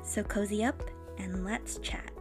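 Over music, a co-host in her thirties reads a scripted podcast introduction with a steady, medium-pitched voice. She was born in the Philippines, grew up in Los Angeles, and delivers the lines earnestly and measuredly.

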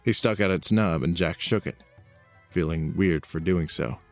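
A man narrating a storybook in a steady, even reading voice. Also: low-pitched, normal speed, faint music behind.

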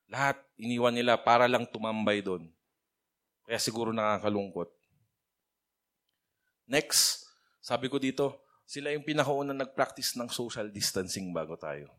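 A man's voice: mid-range voice, normal speed, long pauses, fairly bright tone. A man giving a casual, conversational sermon, mixing English phrases into his talk and calling on listeners by name. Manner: chatty, mixes English phrases into his speech. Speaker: preacher.

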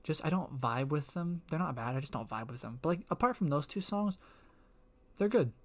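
A man's voice: fairly high pitch, lively intonation, fairly quick. A young man co-hosting a casual podcast, rambling and filling his talk with "like" and frequent laughs. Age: young adult. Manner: rambling, fills with "like", laughs often. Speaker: podcast co-host.

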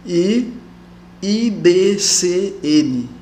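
A woman recalls her years as an activist in a relaxed interview, slipping into the voices of the people she quotes. Her voice rings in an echoey room with a faint hiss of background noise. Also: fairly low pitch, drawn-out words. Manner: lively storyteller who acts out quoted voices. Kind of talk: casual interview recollection.

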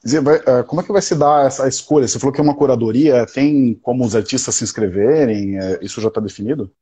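A man's voice: mid-range voice, fast talker, warm tone, husky. A Brazilian man hosting a live online interview, asking casual, friendly questions. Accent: Brazilian Portuguese.

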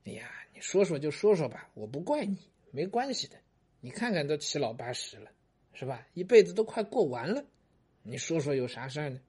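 A man voicing an elderly wife who coaxes her husband to confess old romances, in a husky, wheedling voice. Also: fairly high pitch, big pitch swings, fairly quick, darkish tone, full character voice. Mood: coaxing. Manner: coaxing, wheedling. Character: elderly wife, coaxing and jealous.

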